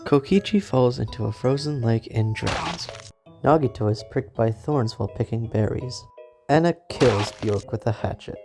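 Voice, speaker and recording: A man's voice: medium pitch, normal speed. A man giving a hammy, theatrical dramatic reading as narrator of survival-game events. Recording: music under the voice. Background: background music.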